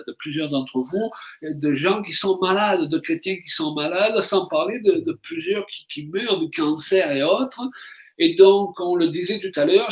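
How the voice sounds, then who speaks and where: A man's voice: high-pitched, roomy sound. A man leading a church service as pastor, fervent and exclamatory with many fillers. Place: church hall.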